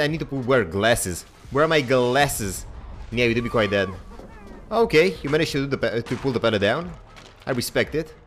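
A young man casually commentating his own gameplay, chatty and excitable, swearing now and then and talking to his viewers. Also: mid-range voice. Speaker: game streamer.

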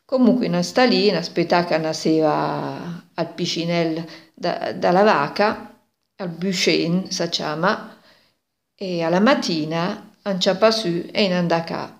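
A woman's voice: lowish voice, slow, gravelly. A woman in her sixties with a Milanese accent, telling a story informally in dialect and acting out bits of dialogue. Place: small kitchen indoors. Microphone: phone at arm's length. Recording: echoey domestic room.

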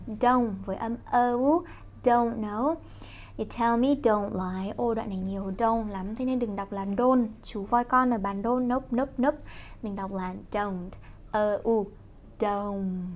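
A young Vietnamese woman teaching English through songs, explaining quickly and slowing down to sing lines. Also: fairly high pitch, darkish tone. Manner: quick explanations broken by slow sung lines. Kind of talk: song-based English pronunciation lesson.

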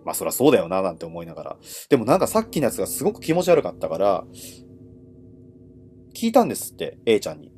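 A man telling ghost stories as a livestream host in casual, conversational speech, with dramatic pauses and phrase endings that trail off. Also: lowish voice, wildly swooping pitch, a little mellow. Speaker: horror storyteller and host.

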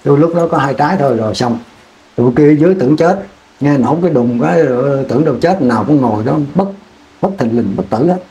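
A man's voice: mid-range voice, lively intonation, fast, mellow, faint music behind. A man, recalling his war years in an interview, rambling and repeating words as he restarts sentences. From Vietnam. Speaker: veteran interviewee. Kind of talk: oral history war recollection.

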